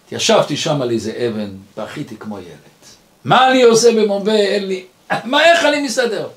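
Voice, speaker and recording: A man's voice: lowish voice, pitched below the performer's own voice, close to an everyday voice. A man voicing a distraught young male kibbutznik who pleads emotionally as he tells his story. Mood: pleading. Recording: roomy echo.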